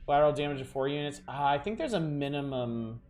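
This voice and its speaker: A man's voice: fairly high pitch, expressive, quick pace, darkish tone. A man streaming a video game, thinking aloud in a casual, wry way. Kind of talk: casual gameplay commentary. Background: faint game music.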